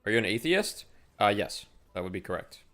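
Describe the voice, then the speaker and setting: A man with a lowish voice, talking casually on a live stream as he answers viewer questions. His speech is rambling and easygoing, full of fillers and restarts, with faint music playing underneath. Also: very animated, fairly quick, bright, forceful tone. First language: French. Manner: laid-back and chatty, with many fillers and restarts.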